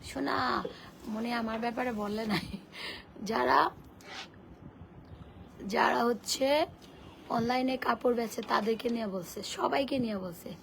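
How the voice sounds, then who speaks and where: Hoarse, gravelly woman selling on a live stream. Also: fairly high pitch, measured pace, pauses often. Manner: chatty and blunt, reads viewer comments aloud. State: hoarse, voice worn from shouting. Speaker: online seller hosting a live sale. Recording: noisy live-stream audio.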